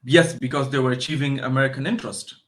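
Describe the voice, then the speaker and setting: A man's voice: medium pitch, steady tone, quick pace. A man, a guest in a casual interview, explaining history and telling stories with frequent restarts. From Afghanistan.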